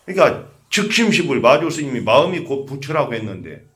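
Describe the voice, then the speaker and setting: A man's voice: mid-range voice, very animated, a little fast, fairly bright tone. An older man, a Buddhist monk, giving a conversational sermon that asks the audience questions and tells humorous stories. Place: temple memorial service.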